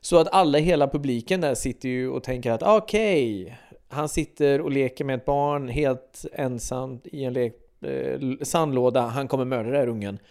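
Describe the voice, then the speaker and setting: Male podcast host, lively film chat, mid pitch, keeps recapping plots. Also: creaky, smooth. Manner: animated, acts out film lines, many fillers.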